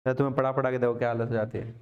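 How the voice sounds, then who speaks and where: A man's voice: mid-range voice, level tone, racing, lo-fi sound. A man teaching physics in a casual classroom lecture, repeating questions to his students.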